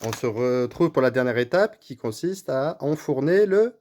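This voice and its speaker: A woman's voice: rumbling low, animated, normal speed, very noisy. A woman explaining a cake recipe step by step in a home kitchen, patiently guiding a child through each task. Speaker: parent cooking with her child on his channel. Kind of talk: step-by-step cooking instructions.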